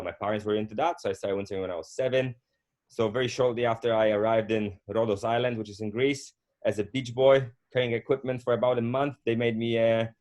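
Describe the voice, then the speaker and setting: Middle-aged man, lowish pitch, easygoing guest telling a long story. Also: a little mellow. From Poland. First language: Polish. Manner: unhurried, with frequent fillers and restarts. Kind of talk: casual conversational storytelling.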